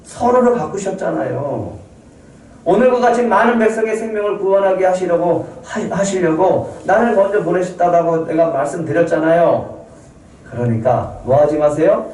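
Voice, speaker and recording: A man acting out a gentle brother who earnestly reassures his frightened siblings. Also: high voice, normal speed, voice pushed up, close to an everyday voice. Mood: pleading reassurance. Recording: roomy hall from a distance.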